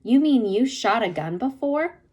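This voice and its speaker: A woman's voice: fairly high pitch, expressive, a little slow, dark tone, breathy edge, voice pushed up. A woman voicing a young boy who asks curious, doubtful questions. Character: shy city boy, the first-person narrator.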